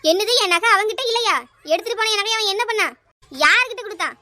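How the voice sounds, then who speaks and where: A hot-tempered village wife with a Kanyakumari Tamil accent wails and rants in a cartoon, as a woman voices her. The voice is very high and bright, and it sounds close and dry. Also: quick pace, dry recording. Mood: furious.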